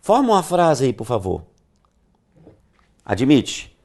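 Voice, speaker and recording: Man, middle-aged, Brazilian Portuguese accent, grammar teacher, lively swooping pitch, theatrical singsong lecture. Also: slow pace. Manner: theatrical, talks to the class directly and repeats phrases in a singsong. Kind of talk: animated classroom lecture to camera.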